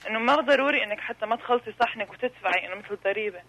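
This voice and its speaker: A woman's voice: on the high side, rapid-fire, vocal fry, pushed and bright. A woman with a Levantine Arabic accent calling into a radio show, chatting casually over a phone. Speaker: phone-in caller. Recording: faintly noisy phone line.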